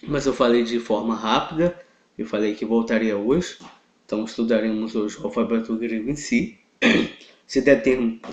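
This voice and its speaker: A man with a Brazilian Portuguese accent teaching a live online class, patient and checking in with "ok?" after nearly every point, clearing his throat and coughing now and then. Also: on the low side, darkish tone. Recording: roomy, dull lo-fi sound.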